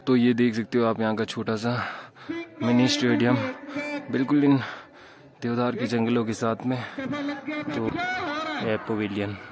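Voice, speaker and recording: A man's voice: medium pitch, big pitch swings, measured pace, pauses often, over a noisy crowd. A young man hosting a casual travel vlog, talking to viewers while walking outdoors on a forested mountain trail, tired from the climb. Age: young adult. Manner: chatty, showing viewers around on foot. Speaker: vlogger. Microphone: handheld camera at arm's length.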